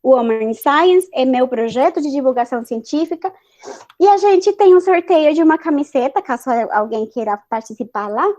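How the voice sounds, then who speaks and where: This is a scientist on an online panel, a woman whose native tongue is Spanish, speaking earnestly in accented Portuguese and frequently stumbling and restarting. Her high-pitched, mellow voice is animated at a normal speed. The video-call recording sounds muffled.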